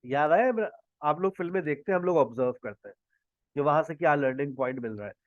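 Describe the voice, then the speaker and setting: Punjabi-speaking male tutor, fairly high voice, measured lecture pace, dry and muffled call audio. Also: expressive, no room sound. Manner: slow, deliberate, quizzing the class, modeling English phrases. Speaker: spoken English teacher. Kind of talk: online class lecture. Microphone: video call. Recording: dull lo-fi online call audio.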